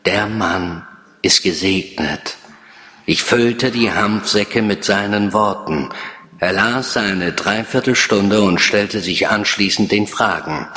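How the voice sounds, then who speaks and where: A man giving a measured, deliberate reading of literary prose, like an author reading his own work. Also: fairly low pitch, bright, forceful tone. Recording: long hall reverb.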